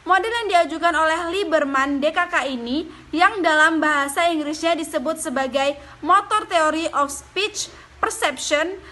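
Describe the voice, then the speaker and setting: A young woman reads out a lesson at a steady pace, keeping close to her notes. Her voice sits high and has a bright, clear edge. She sounds like a student presenting coursework. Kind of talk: reading a lecture presentation.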